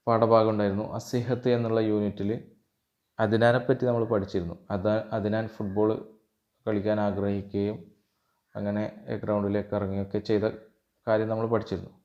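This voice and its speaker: Man, Arabic teacher, from Kerala, exam-prep lesson, slow reading then translating, muffled lo-fi recording. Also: lowish voice, little pitch movement, warm tone. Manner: reads Arabic dialogue lines slowly, then translates.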